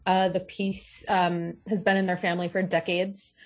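A woman co-host telling a researched ghost story on a radio talk show, relaxed and pausing with frequent fillers. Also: on the low side. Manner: relaxed, hesitant with many "um"s.

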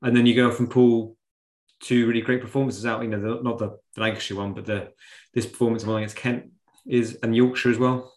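A man's voice: medium pitch, little pitch movement, brisk, a little mellow. A man co-hosting a casual sports discussion, conversational, often reworking his phrases as he goes. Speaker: podcast co-host. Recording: roomy, echoing sound.

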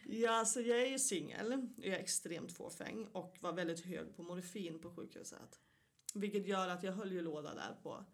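A woman, a guest in a casual interview, telling stories with frequent laughter and acted-out voices. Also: lowish voice.

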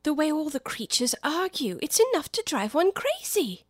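A woman's voice: high voice, very animated, moderate pace, no echo, studio quality, pitched above the performer's own voice. A woman voicing a polite, earnest young girl in a storybook reading, with an eager, girlish tone. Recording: noisy with clicks.

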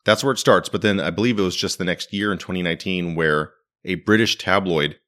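A man's voice: low voice, a little fast, fairly bright tone. A man hosting a podcast in casual, wry conversational commentary, recorded in a living room. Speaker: podcast host. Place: living room used as a home studio.

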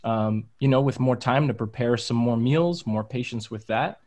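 A man's voice: mid-range voice, moderate pace, darkish tone. A man chatting casually on a podcast, in a loose, rambling way full of "um" and "you know". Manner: loose, filler-heavy. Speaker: podcast guest. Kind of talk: casual chat.

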